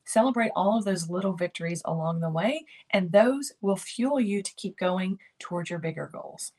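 A woman's voice: lowish voice, expressive, moderate pace, darkish tone. An older woman hosting a keto lifestyle channel, giving encouraging motivational talk to camera. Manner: encouraging, repetitive coaching phrases.

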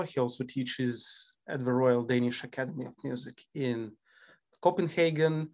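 A man from a former Soviet country hosting a podcast interview, introducing his guest with admiration. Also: mid-range voice. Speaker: podcast host.

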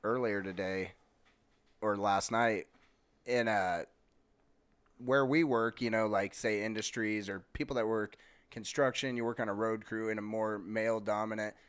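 A man's voice: lowish voice, steady tone, a little slow, fairly bright tone, clear, resonant tone, no echo. A man in casual, profane group chat who acts out coworkers and bosses in quoted voices.

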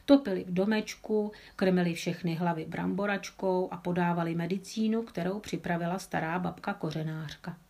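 A woman tells a children's story aloud in a calm, even voice that sits a touch low. She reads steadily and stumbles now and then on a word. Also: vocal fry, hardly any pauses. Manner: calm, with small slips.

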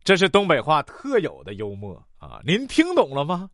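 A man's voice: fairly high pitch, moderate pace, no room sound. A man with a Northeastern Mandarin accent telling comic jokes and jumping between character voices. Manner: animated, switches voices, jokey. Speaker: joke teller.

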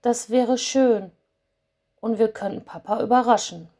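A woman voicing a tender-hearted little girl in a storybook, speaking softly and pleadingly. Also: on the high side, unhurried, voice pushed up. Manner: soft, pleading.

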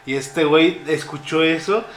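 Young man, Mexican accent, slangy rambling chat, fairly high voice, echoey room. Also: normal speed, a little hiss or hum. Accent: Mexican Spanish. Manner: rambling storyteller, heavy slang and fillers. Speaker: podcast co-host. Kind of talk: casual chat.

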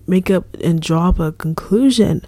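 A young woman leading a casual devotional talk for her ministry, earnest and repetitive, often dropping into a soft whispery delivery. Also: fairly low pitch, normal speed, no echo. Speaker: ministry leader.

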